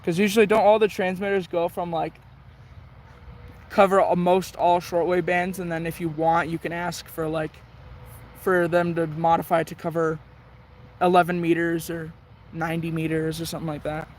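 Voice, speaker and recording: A shortwave radio hobbyist host with a notably high voice gives casual, rambling commentary, thinking out loud as he works a radio dial. His delivery is flat at normal speed, with faint noise behind him.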